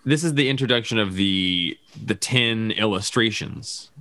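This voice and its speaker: A man's voice: on the low side, measured pace, pushed and bright. A man hosting a casual comic book podcast, thinking aloud and rambling with many fillers. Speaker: podcast host.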